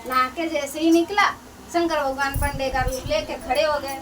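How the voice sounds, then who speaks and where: A woman's voice: high-pitched, fairly even intonation, moderate pace, noisy background. A woman telling a religious folk tale to a gathering in a homely, repetitive storytelling manner. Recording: distant mic, crowd around.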